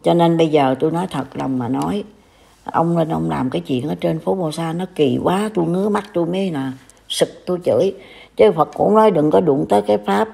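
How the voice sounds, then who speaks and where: A woman's voice: deep voice, brisk, gravelly, warm tone. An older woman from Vietnam with a Southern Vietnamese accent, scolding and warning in a casual online talk. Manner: scolding, reproachful. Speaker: commentator.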